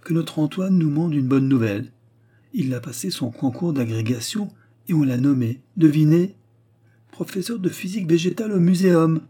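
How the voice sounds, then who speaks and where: A man voicing a proud, talkative forest warden, bright and eager in the reading of a novel. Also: fairly high pitch, expressive, moderate pace, slightly rough, voice pushed up.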